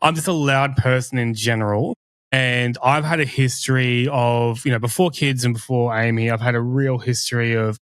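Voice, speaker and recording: A man's voice: mid-range voice, steady tone, no room sound, studio quality. A man co-hosting a podcast, speaking candidly and earnestly with frequent restarts. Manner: earnest, confessional, halting with restarts. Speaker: podcast co-host. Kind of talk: candid conversational podcast talk.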